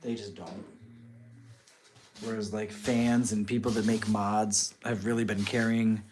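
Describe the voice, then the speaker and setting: A man's voice: lowish voice, flat delivery, a little slow. A man casually chatting with viewers on a live stream while he crafts, reading and answering the chat.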